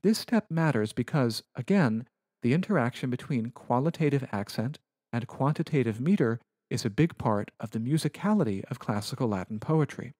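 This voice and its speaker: A man giving a recorded Latin lecture over slides, explaining rules in a measured, precise manner. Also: medium pitch, lively intonation, darkish tone, dry recording, clean studio sound.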